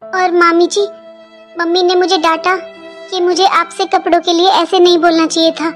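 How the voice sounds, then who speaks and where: A woman's voice: extremely high pitch, little pitch movement, normal speed, fairly bright tone, faint music behind. A woman voicing an outspoken young girl who pleads with her aunt and mother in a family drama. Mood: pleading. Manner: pleading, childlike.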